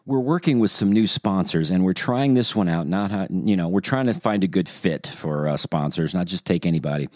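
Low-voiced middle-aged male podcast host, music behind. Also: fairly quick, few pauses, a little mellow, no echo, studio quality. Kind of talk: casual chat and ad read.

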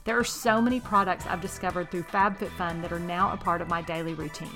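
A woman's voice: on the low side, steady tone, quick pace, over music. A woman reading a scripted, hard-sell sponsor ad as a personal endorsement on a podcast. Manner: promotional hard-sell ad read.

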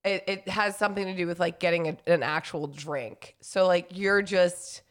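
A woman's voice: on the low side, normal speed. A young woman co-hosting a podcast in casual chat, laughing and teasing as she talks. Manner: giggly, teasing. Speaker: podcast co-host.

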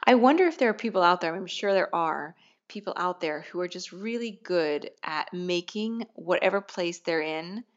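A young adult woman co-hosts a podcast, talking casually but emphatically in a lowish, animated voice at normal speed. She's in an echoey, half-furnished study at home, so the recording sounds echoey and dull, with muffled tone.

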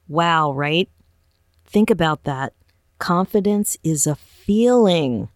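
A woman with a low, deep voice hosts a motivational podcast as a life coach. She talks earnestly and encouragingly and keeps asking her listeners rhetorical questions. The sound is close and dry, with no room around it. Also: dry recording.

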